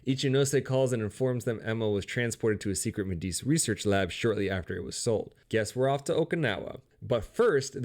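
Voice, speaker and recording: A man's voice: fairly low pitch, a little mellow. A man narrating a casual, comedic video game story recap with a sarcastic, profane, wisecracking delivery.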